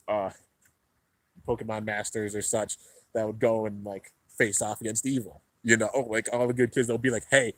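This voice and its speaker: A young man hosts a casual livestream on YouTube, reading out viewer comments from the live chat in a laid-back, rambling way. He sounds a little congested. The low-end home stream setup gives a rough recording with no echo.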